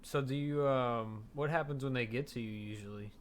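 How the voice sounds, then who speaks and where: A man's voice: medium pitch, moderate pace, a little hiss or hum. Man hosting casual interviews. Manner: asks short questions, brief reactions. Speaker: host interviewer.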